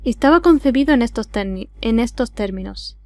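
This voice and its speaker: A woman's voice: on the high side, lively intonation, brisk, mellow, dry recording, studio quality. A woman with an Andalusian accent reading a classic adventure novel aloud as scripted narration. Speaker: audiobook reader.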